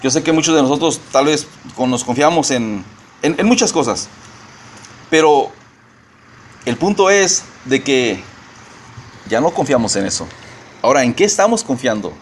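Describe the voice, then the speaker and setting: A man preaching a sermon as pastor, speaking haltingly with many repeated words and a few English phrases mixed in. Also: mid-range voice, expressive, a little hiss or hum.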